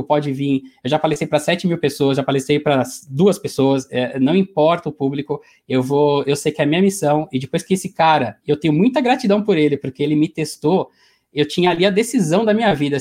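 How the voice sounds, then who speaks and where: A man with a Brazilian accent, a motivational speaker telling a story in an animated, conversational way during an interview. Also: on the high side. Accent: Brazilian Portuguese.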